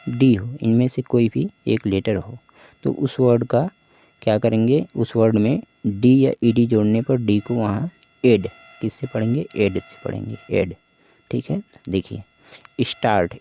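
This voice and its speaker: A man's voice: mid-range voice, vocal fry, dry recording. A man teaching English pronunciation rules, explaining patiently and repeating each point with frequent check-ins. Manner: repetitive, checks in with "ठीक है" and "देखिए". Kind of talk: explanatory lesson over slides. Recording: dull lo-fi home recording.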